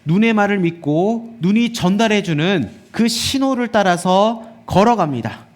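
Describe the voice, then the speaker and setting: A male pastor delivers a sermon in a church sanctuary. His voice sits high for a man, and he keeps turning to the congregation with rhetorical questions. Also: animated, measured pace.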